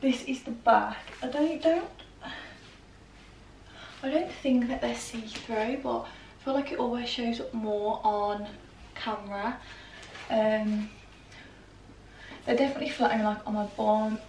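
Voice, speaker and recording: A woman's voice: fairly high pitch, a little slow, long pauses, a little mellow, distant mic, slight background noise. Chatty British woman in an echoey room. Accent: British English. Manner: chatty, filler-heavy with constant "like". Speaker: fashion vlogger. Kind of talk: casual try-on haul. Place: plain grey bedroom, indoors. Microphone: camera mic from across the room. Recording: roomy echo, voice a bit off-mic, faint ambience.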